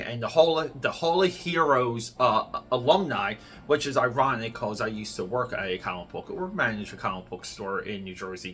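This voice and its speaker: A man's voice: medium pitch, bright, forceful tone. A middle-aged man delivering an opinionated rant to an online audience, worked up, emphatic and blunt. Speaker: comics YouTuber.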